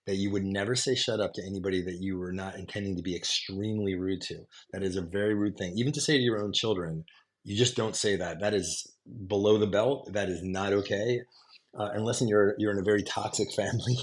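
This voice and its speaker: Deep-voiced man explaining English. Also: fairly quick. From United States. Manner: emphatic, repeats "okay?" to check in. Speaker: English teacher content creator. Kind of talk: casual explanatory monologue. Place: home in France.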